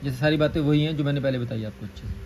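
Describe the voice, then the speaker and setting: A man teaching an engineering lecture, repeating key terms and dictating formulas slowly. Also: medium pitch, a little mellow, a little hiss or hum, low-quality recording.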